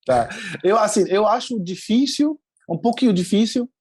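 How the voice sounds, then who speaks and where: Explaining male guest, higher voice. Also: expressive, moderate pace, a little mellow, husky. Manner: explanatory, frequent "sabe?" and hesitations. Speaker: guest, language teacher. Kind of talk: casual interview chat.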